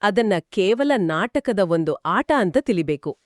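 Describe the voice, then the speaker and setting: A woman co-hosting a spiritual discussion podcast, explaining each point calmly from a script. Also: medium pitch, slow, no room sound, clean studio sound. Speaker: podcast co-host.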